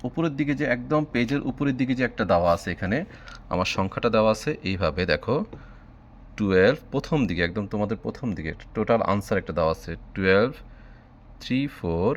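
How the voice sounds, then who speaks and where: A man's voice: lowish voice, expressive, fast talker. A man from Bangladesh teaching a math lesson online, patiently spelling out number words letter by letter.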